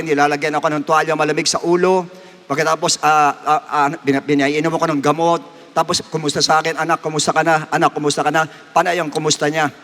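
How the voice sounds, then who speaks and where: Man, pastor, sermon, high-pitched voice, long hall reverb. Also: pushed and bright. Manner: emotional, rising to emphatic high pitch. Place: church worship service. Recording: long echo of a church hall.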